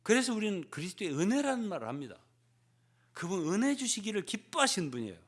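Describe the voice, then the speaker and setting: Older male pastor, sermon, lively voice, slightly high, keeps prodding the congregation. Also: fast talker. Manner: peppers phrases with prodding "예?" to the congregation; animated, swinging between loud emphasis and hushed asides.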